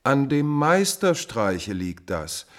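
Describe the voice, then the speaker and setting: A male actor voices a coolly insolent, scheming court adviser in a classical German radio play, speaking formally and insinuatingly at a measured pace. His mid-range voice swings widely in pitch as he sounds pointed and accusing.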